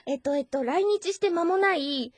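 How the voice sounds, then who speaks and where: Giggly high-voiced woman with a Tokushima accent. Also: moderate pace, no echo. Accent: Tokushima dialect. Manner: giggly, bashful, playful. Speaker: co-host. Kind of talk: casual radio-show chat.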